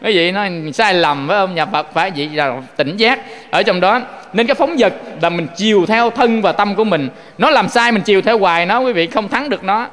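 A man's voice: high voice, fairly quick, a bit bright, big-room sound. A man with a Southern Vietnamese accent giving a Buddhist sermon, telling folksy stories and often turning to address his listeners. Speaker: Buddhist monk preaching.

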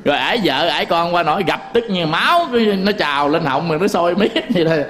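A man's voice: on the high side, expressive, fast, a bit bright. A man giving a Buddhist sermon in a Southern Vietnamese accent, telling folksy stories with frequent chuckles and speaking straight to his listeners. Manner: folksy storytelling, chuckles often; addresses listeners directly. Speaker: Buddhist monk teacher.

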